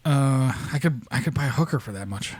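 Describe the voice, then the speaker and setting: A man's voice: mid-range voice, expressive, brisk, a little mellow, breathy edge, no room sound. A man co-hosting a podcast, joking in casual chat and often restarting his sentences. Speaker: podcast co-host.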